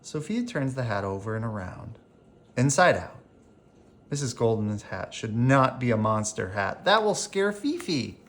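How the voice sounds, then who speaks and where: A storyteller takes a picture book slowly and carefully, pitch in the middle range but swinging lively, with animated phrasing aimed at young children at bedtime.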